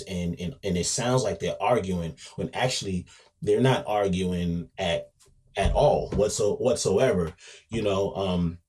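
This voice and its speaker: A podcast host delivers a casual monologue in a lowish voice, speaking emphatically with lots of restarts and repetitions. His volume keeps swinging between loud and quiet.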